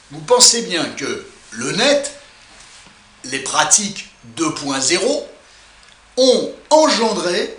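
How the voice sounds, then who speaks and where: A man's voice: fairly high pitch, pushed and bright. A man, a psychotherapist, explaining a topic to his subscribers in a playful, self-mocking way. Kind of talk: explanatory video monologue to subscribers. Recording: echoey room.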